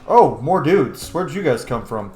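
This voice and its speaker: Here a gamer narrates his playthrough in an unhurried mid-range voice that swings widely in pitch, keeping the commentary casual and playful while addressing the characters directly. Music sits in the background of an echoey room with ambient noise.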